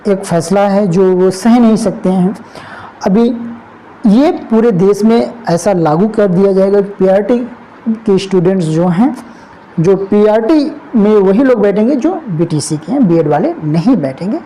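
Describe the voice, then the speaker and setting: A man's voice: high-pitched, warm tone, low-quality recording. A man presenting a spoken commentary video, talking earnestly and appealingly, often repeating phrases as he searches for words.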